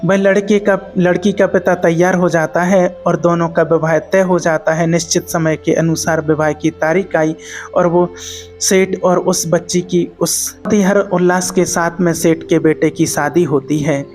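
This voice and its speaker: A male preacher tells a moral story in a measured, repetitive storytelling manner. His voice sits fairly high for a man. Soft background music plays faintly under his speech. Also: level tone. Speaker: spiritual preacher. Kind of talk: spiritual storytelling discourse.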